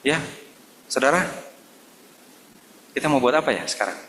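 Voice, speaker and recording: A male pastor delivering a Sunday sermon at a middle pitch, telling a story and acting out the voices of the people in it. His voice rings with a long reverb from the church hall. A faint noise sits underneath. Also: lively intonation, moderate pace, fairly bright tone. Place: church service.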